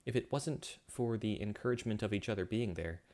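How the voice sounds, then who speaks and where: A man's voice: lowish voice, a little fast, darkish tone. A man reading his own science fiction story aloud, with occasional slips and self-corrections. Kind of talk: story narration.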